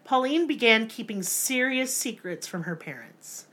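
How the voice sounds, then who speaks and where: A woman with a bright, forceful voice hosts a casual podcast chat. She tells a true story with plenty of swearing and jokes, and slips into mock voices for the people in it. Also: fairly high pitch, animated, measured pace. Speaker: podcast host.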